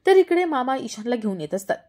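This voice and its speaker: A woman narrating a television serial recap in a steady storytelling voice. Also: sits high, fast talker.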